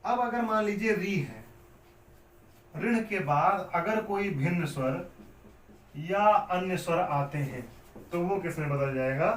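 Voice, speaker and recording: A man's voice: sits high, slow, pauses often. A man teaching Hindi grammar in a classroom lecture. He asks questions and answers them himself, repeating each step. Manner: repetitive, explains step by step. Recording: echoey room, mic at a distance.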